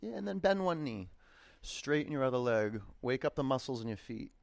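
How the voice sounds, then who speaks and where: A man teaching a yoga class, giving unhurried, encouraging and informal instructions, often gently repeating his cues. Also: mid-range voice, very animated, gravelly, no echo.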